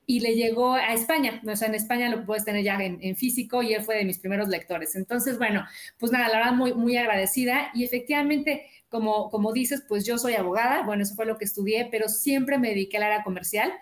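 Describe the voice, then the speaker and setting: A woman's voice: fairly high pitch, fairly quick. A woman, a sales coach and author, chatting in an upbeat way in an interview and acting out quoted dialogue. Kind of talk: casual interview chat. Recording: roomy echo.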